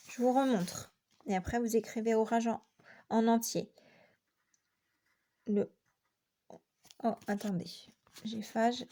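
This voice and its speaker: A woman's voice: high-pitched, a little mellow. A woman teacher giving a patient, step-by-step handwriting lesson to young children. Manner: slow, patient step-by-step explanation. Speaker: primary school teacher.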